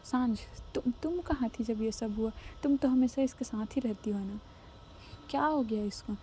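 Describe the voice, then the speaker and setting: A woman's voice: fairly high pitch, moderate pace, mellow, a little hiss or hum, natural voice. A woman voicing an anxious, strong-willed middle-aged mother in a spoken Hindi story. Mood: tearful.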